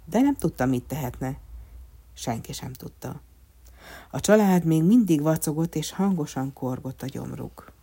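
A woman narrating a children's storybook in a measured, expressive way. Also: deep voice, husky.

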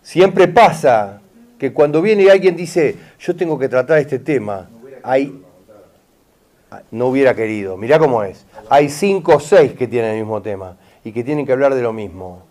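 Speaking at a moderate pace in a mid-range, slightly mellow voice, this middle-aged man sounds animated as he leads a session with someone from the audience. He is a therapist with a River Plate Spanish accent who keeps pressing "¿está bien?" and "mirá" to make sure he's followed.

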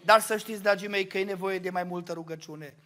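Male guest preacher, very bright forceful tone, impassioned church sermon. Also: sits high, steady tone. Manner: impassioned, swings from hushed to shouting. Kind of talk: fervent Pentecostal sermon. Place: church service.

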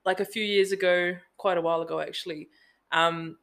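Bright-voiced New woman. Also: fairly low pitch, brisk, creaky. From New Zealand. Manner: relaxed storytelling with many fillers. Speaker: guest, event business owner. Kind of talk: casual podcast interview.

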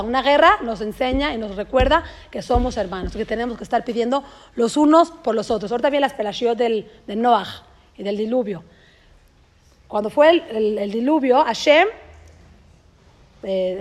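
A woman with a Mexican accent gives a spoken religious lesson in an earnest, emphatic way, often restarting her words. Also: high-pitched. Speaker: religious teacher.

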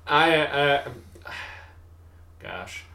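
A man's voice: on the high side, lively intonation, drawn-out words, gravelly, bright, forceful tone, reverberant. A man co-hosting a casual chat who rambles, laughs often and trails off mid-sentence. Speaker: podcast co-host.

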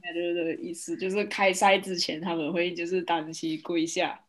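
A woman's voice: lowish voice, little pitch movement, moderate pace. A woman chatting casually as a podcast co-host. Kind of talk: casual chat.

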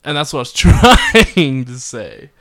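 A man's voice: a little high, lively intonation, unhurried, a bit bright. A man in a casual chat, easygoing as he tells a story and laughs at himself.

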